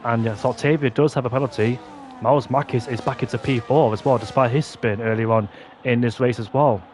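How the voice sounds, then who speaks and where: A man giving excitable motorsport commentary on an online sim race, play-by-play, exclaiming at the action on track. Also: mid-range voice, a little fast, slight background noise. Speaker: esports racing commentator.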